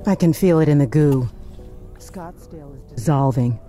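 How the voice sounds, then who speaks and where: Mystical game rebel played by a woman: mellow dark tone, solemn, grandiose, faint music behind. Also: sits low, normal speed, close to an everyday voice. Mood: portentous. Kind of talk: video game character acting.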